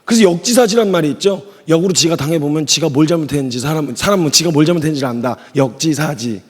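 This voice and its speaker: Husky, high-voiced preacher in a reverberant hall. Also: male voice, fast. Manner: lively and humorous, acts out quoted lines. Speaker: missionary preacher. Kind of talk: sermon at a youth retreat. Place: large church hall.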